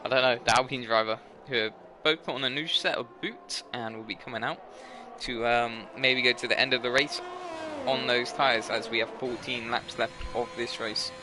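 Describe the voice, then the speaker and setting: A man's voice: medium pitch, fairly even intonation, moderate pace, noisy background. A tired young man giving live commentary on an online racing league, rambling and correcting himself as he goes. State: tired, yawning. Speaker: race commentator.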